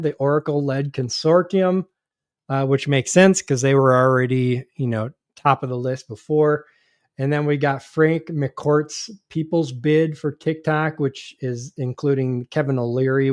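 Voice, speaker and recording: A podcast host with a medium-pitched, darkish voice speaks in studio quality with no room sound. On his casual live show he chats and reads news stories, frequently hesitating and restarting.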